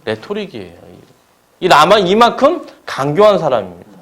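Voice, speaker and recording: A man's voice: high-pitched, very animated, normal speed, fairly bright tone. A male preacher at a church service, preaching a sermon and asking the congregation paired questions. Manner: asks the congregation question-and-answer pairs.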